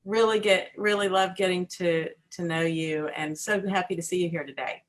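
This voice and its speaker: A woman's voice: fairly low pitch, fairly even intonation, normal speed, roomy sound. A woman with a Southern US accent from the customer service team, friendly and a little hesitant.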